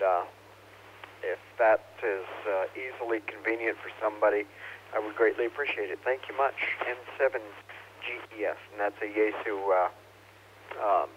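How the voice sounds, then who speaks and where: A man's voice: fairly low pitch, normal speed, long pauses. A man talking casually and politely over amateur radio, somewhat hesitant, in a radio net exchange. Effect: two-way radio. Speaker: amateur radio operator checking in. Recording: muffled two-way radio, hissy hum.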